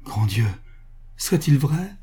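A man's voice: a little high, very animated, takes it slowly, dark tone, slightly rough, pitched above the performer's own voice, heavily acted. A man voicing a passionate, adoring husband who speaks with ardent exclamations.

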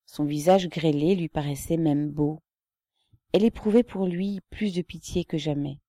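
A woman narrating a novel as an audiobook in a measured, steady reading. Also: deep voice, no echo, clean studio sound. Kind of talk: scripted literary narration.

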